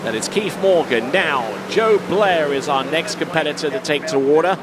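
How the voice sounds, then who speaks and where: A man giving live water ski commentary in a measured way, with frequent fillers. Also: a little high, background noise.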